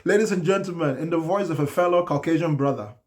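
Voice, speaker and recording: A man hosting a live call-in talk show, brash and animated, laughing often as he riffs on callers. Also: on the high side, quick pace. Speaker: host. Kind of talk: casual live call-in chat.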